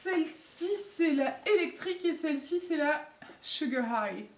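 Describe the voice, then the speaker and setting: A woman chatting excitedly and giggling as she unboxes makeup for her beauty vlog. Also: high voice, unhurried. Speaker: beauty vlogger. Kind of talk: casual unboxing chat. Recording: echoey room, faint noise.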